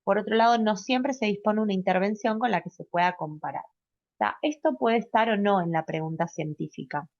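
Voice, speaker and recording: A woman's voice: medium pitch, normal speed, a little mellow, no echo, highs cut off. A woman giving a recorded medical class lecture, explaining step by step and often checking in with a rising "¿sí?". She uses fillers and corrects herself mid-word. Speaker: pediatric residency lecturer.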